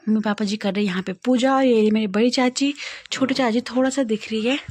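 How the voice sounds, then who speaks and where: A young woman with an Uttarakhand Hindi accent talks casually to her viewers in a fairly high voice. She is chatty and playful and laughs easily as she goes through her wedding album page by page. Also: fairly even intonation, fast, darkish tone, no echo. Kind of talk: casual chat to camera.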